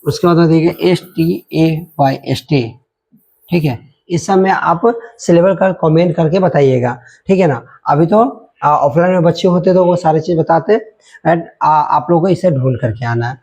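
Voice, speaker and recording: A man's voice: on the high side, normal speed, darkish tone, breathy edge. A man teaching an English grammar lesson, spelling words out letter by letter and checking in often.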